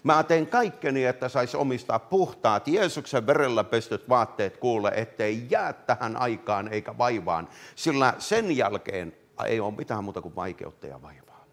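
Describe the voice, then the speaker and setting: A man preaching a fervent revivalist sermon, swinging from loud calls to hushed words and often addressing listeners directly. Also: medium pitch, lively intonation. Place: meeting hall.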